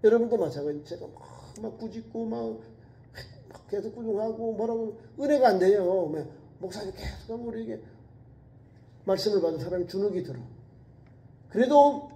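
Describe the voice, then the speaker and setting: A man pastor delivering a sermon, preaching emphatically with repeated exhortations and swinging between raised urgent lines and low quiet asides. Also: normal speed. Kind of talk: sermon at a midweek prayer service.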